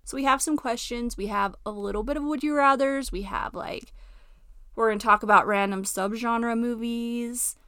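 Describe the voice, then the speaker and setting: A woman's voice: on the high side, steady tone, normal speed, fairly bright tone, clean tone, dry recording, clean studio sound. A young woman co-hosting a podcast, chatting casually with lots of giggles and fillers. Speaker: podcast co-host. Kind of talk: casual chat.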